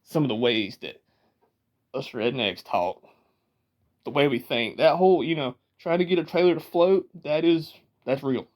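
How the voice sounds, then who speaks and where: A man's voice: on the high side, normal speed. Chatty Georgia man with a Southern drawl. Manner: chatty, laughs often, rambling asides. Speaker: vlogger. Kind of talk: casual talk to camera. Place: small room indoors, sitting in a rocking chair. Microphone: camera in front of him.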